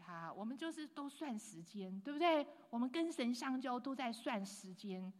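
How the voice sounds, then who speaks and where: A woman preaching a sermon with lively emphasis, dropping to hushed asides and mixing in English phrases. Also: a little high, normal speed. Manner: swings between loud emphatic lines and hushed asides. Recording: long hall reverb.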